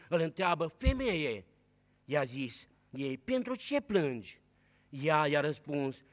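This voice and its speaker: A man preaching a fervent sermon, swinging between loud declarations and hushed storytelling. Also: fairly high pitch. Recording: long hall reverb.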